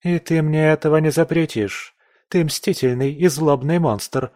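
A man's voice: fairly high pitch, unhurried, no room sound, clean studio sound, pitched above the performer's own voice, lightly acted. A man voicing a defiant, provocative young woman journalist in an audiobook, with a haughty, taunting manner. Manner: haughty, sharp-tongued, taunting. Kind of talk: audiobook character voice.

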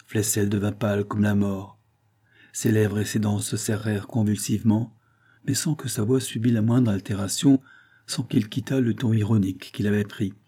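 A man reads a classic novel as an audiobook, measured and expressive. His voice is on the low side and husky.

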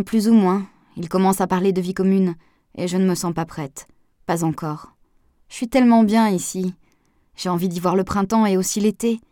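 A woman reading an audiobook, voicing a lively, impulsive young woman who talks emphatically. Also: mid-range voice, no room sound, clean studio sound, natural voice.

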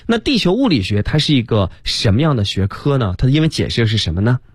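A man's voice: mid-range voice, huge pitch swings, fast, husky, no echo, studio quality. A man co-hosting a bilingual radio English lesson, patiently explaining word roots and often agreeing with his co-host. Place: radio studio.

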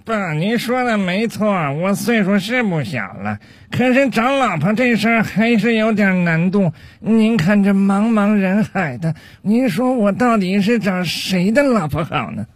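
A man voicing a young, womanizing son who speaks slowly and cheekily to his father. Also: high voice, expressive, background noise, voice pushed up. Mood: cheeky.

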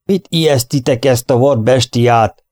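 A man voicing a gruff, evasive old cowboy in an audiobook. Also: lowish voice, mellow, natural voice.

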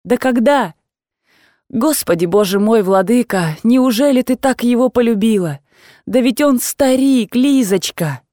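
A woman's voice: a little high, expressive, measured pace, dark tone, dry recording, clean studio sound. A woman reading aloud and voicing an agitated, fussy old aunt who scolds and exclaims in a raised voice.

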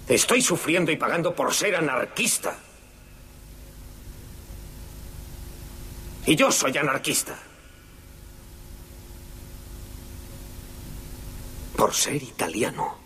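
A man's voice: medium pitch, fairly bright tone, a little hiss or hum, lightly acted. An actor playing a condemned Italian anarchist man giving a solemn, impassioned final statement in court, in a dubbed film. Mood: defiant.

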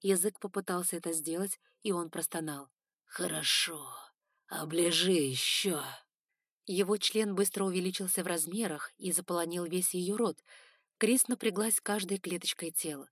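A woman narrating a fantasy audiobook in a steady storytelling manner. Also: fairly low pitch, normal speed, no echo, clean studio sound. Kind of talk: scripted narration.

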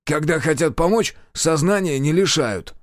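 A man's voice: a little high, expressive, moderate pace, no echo, studio quality, voice pushed up, close to an everyday voice. A man doing a barking, suspicious police major. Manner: barking orders.

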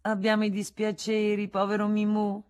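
A woman's voice: mid-range voice, completely flat delivery, normal speed, voice pushed up, natural voice. A woman putting on a brazen young courtesan. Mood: coaxing. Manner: loud, mocking, coquettish.

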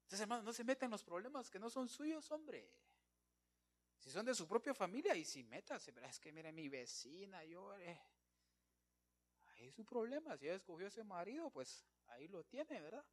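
A man preaching an evangelical sermon, emphatic, keeps calling his listeners brother, swinging between loud declarations and quiet asides. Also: high voice, big pitch swings, brisk, husky.

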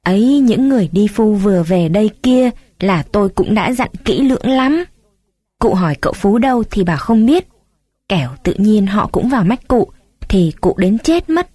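A woman's voice: mid-range voice, lively intonation, moderate pace, mellow, husky, dry recording. A woman voicing a blustering village chief. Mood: scheming, cautioning. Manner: blustering, grumbling. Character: fretful, scolding older male village chief.

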